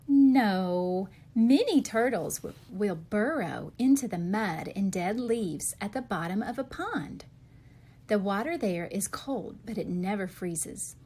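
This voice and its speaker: Reading a children's picture book aloud, a slightly husky woman with a mid-range, dark voice asks questions and answers them expressively for her young audience.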